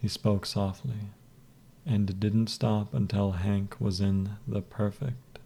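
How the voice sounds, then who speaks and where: A man reading a story aloud in a slow, soft, even delivery. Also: fairly low pitch, creaky, slightly rough. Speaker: narrator. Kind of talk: scripted story narration.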